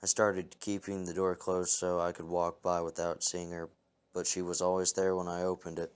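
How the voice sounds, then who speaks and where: A man reading first-person scary stories aloud as a narrator, in a calm, measured way. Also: sits low, smooth. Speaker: story narrator. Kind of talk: scripted horror story reading.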